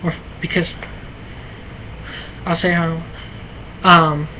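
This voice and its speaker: A woman's voice: deep voice, level tone. Rambling American woman, muffled recording. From United States. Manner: halting and repetitive, many fillers and restarts. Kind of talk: rambling solo monologue. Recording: muffled lo-fi with faint noise.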